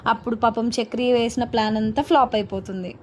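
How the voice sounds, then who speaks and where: A woman's voice: on the high side, steady tone, a little fast, slight background noise. A woman casually narrating a recap of a drama episode. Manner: chatty, fluent retelling.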